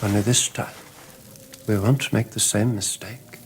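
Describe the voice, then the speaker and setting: An actor playing a courteous, proud German lieutenant with a German accent, speaking formally and with measured assurance. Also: male voice, lowish voice, fairly even intonation, slight background noise, lightly acted. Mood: confident, defiant. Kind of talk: film drama dialogue.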